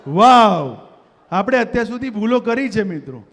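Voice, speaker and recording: Motivational speaker guy, really high voice, gets the crowd to shout stuff back, long hall reverb. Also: fairly even intonation, normal speed, vocal fry, slight background noise. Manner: rousing, leads the audience in call-and-response. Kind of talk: motivational stage talk. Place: community gathering hall.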